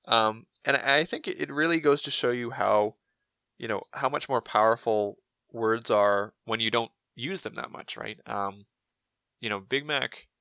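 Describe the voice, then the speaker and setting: A man's voice: on the low side, sharp tone, no echo. A man co-hosting a casual podcast, rambling with lots of fillers and restarts. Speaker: podcast co-host.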